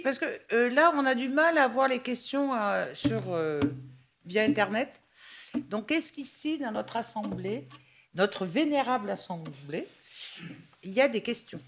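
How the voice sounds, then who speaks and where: Animated woman moderating a seminar. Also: on the high side, unhurried, slight background noise. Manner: loose, broken phrasing. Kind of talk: spontaneous moderating.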